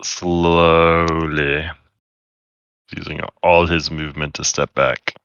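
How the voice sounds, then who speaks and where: A man serves as game master, narrating the action and making calm rulings in an unhurried, matter-of-fact way. His voice is very low and smooth with a bright edge. The sound is dry and a little muffled. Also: no room sound.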